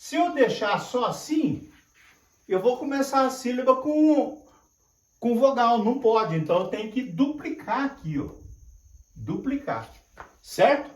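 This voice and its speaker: An older man teaching at a whiteboard, explaining slowly and repeating each point while checking that his students follow. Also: very high voice, lively intonation, distant mic. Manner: slow, repetitive, drawn-out explaining with frequent checks. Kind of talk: classroom lecture at a whiteboard. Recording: echoey room.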